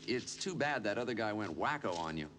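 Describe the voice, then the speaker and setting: An actor playing a chatty, folksy older caretaker, heard in a noisy film soundtrack. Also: male voice, fairly low pitch, lively intonation, brisk, fairly bright tone. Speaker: building caretaker.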